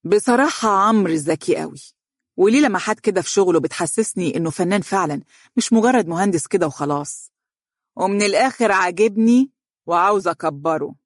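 Audiobook: scornful Egyptian boss lady, male reader, raised pitch, quick. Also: steady tone, dry recording, studio quality, close to an everyday voice. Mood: domineering. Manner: sharp, scornful, domineering. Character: bossy, haughty businesswoman, adult. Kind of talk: audiobook character reading.

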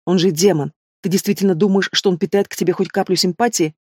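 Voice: mid-range voice, fairly even intonation, fast talker, slightly rough, dry recording, close to an everyday voice. A reader voicing a stern, overprotective middle-aged werewolf father who gives growled commands, in a dry recording. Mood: angry.

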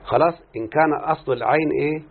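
An Egyptian man who teaches Arabic morphology talks rapid-fire in a fairly high voice during a grammar lesson. He questions his students throughout, drawing answers out of them as he explains, and the recording sounds tinny, like a phone.

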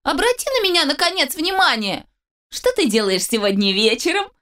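A woman's voice: very animated, moderate pace, a bit bright. A woman voicing a smug, whiny young man in an audiobook, speaking in a sugary, sneering way. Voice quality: shrill, nasal whine. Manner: sugary, sneering, then wheedling. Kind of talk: audiobook narration.

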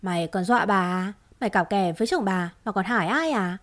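Người phụ nữ đóng vai mụ đàn bà hung dữ. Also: female voice, medium pitch, lightly acted. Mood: accusing. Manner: shouting, fast, scolding. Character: vicious middle-aged woman, loud and abusive.

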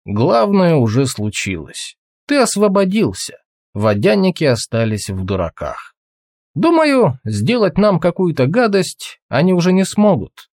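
A man's voice: a little high, huge pitch swings, measured pace, a little mellow, dry recording, clean studio sound, pitched above the performer's own voice, full character voice. A man doing Tolgrim, a wry seasoned hunter. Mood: calm.

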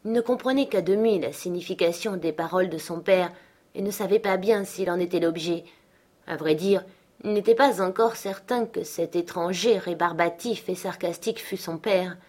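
A woman narrating a novel aloud in a steady, measured reading style. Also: on the low side. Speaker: audiobook reader. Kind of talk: scripted narration.

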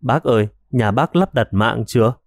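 A man's voice: medium pitch, lively intonation, normal speed, dry recording, studio quality, lightly acted. A man voicing an agitated police detective who questions an old woman insistently in an audiobook. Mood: curious. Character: agitated young male police detective, pushy.

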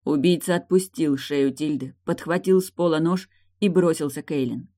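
A woman reading a novel aloud as an audiobook narrator, steady and even. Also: sits low, normal speed. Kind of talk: scripted narration.

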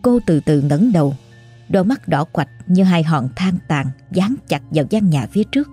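A woman storyteller reading a horror story aloud in a slow, suspenseful way. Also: fairly low pitch, expressive, mellow, breathy edge, faint music behind. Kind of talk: scripted horror story narration.

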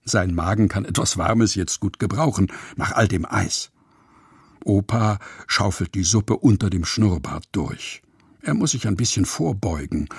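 A man reading a children's story aloud in an expressive, playful way. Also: fairly low pitch, vocal fry, breathy edge, dry recording, studio quality. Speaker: narrator.

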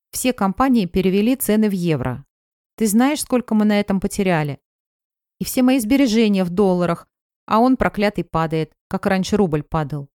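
A woman's voice: fairly low pitch, darkish tone, dry recording, clean studio sound, lightly acted. A woman voicing a defensive, emotional woman friend. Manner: emotional, self-justifying.

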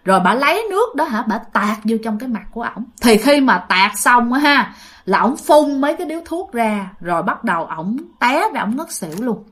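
A woman with a Southern Vietnamese accent narrates a ghost story in a loose, conversational way. She talks straight to her listeners and acts out the people in the tale. Her voice sits a little high and moves around a lot. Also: very animated, fairly quick, a bit bright. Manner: chatty, addresses listeners directly, acts out quoted voices. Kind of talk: casual oral storytelling.

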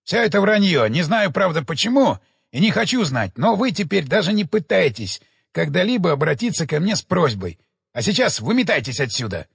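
A man's voice: fairly high pitch, very animated, a little fast, vocal fry, breathy edge, no room sound, studio quality, exaggerated voice. A man doing a scornful police captain. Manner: curt, dismissive.

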